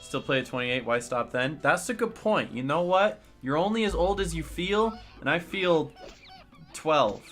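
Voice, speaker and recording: A man's voice: fairly high pitch, animated, measured pace, fairly bright tone, soft background music. A man in his late twenties streaming a game, chatting casually, ranting with sarcasm as he answers chat. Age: late 20s. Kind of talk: casual livestream chat while playing a game.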